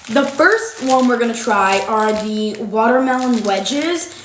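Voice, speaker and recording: A woman with a fairly high voice hosts a casual taste-test vlog. She talks chattily and chews noisily between phrases. The room is echoey, with some background noise. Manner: chewing noisily while talking. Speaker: host of a candy taste-test video. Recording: roomy echo, clear background noise, clicks.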